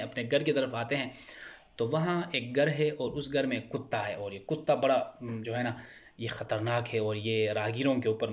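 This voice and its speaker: Earnest man explaining, steady mid pitch. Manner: earnest, repeats words and restarts phrases, rises in pitch when making a point. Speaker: channel host speaking on stammering. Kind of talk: explanatory advice talk.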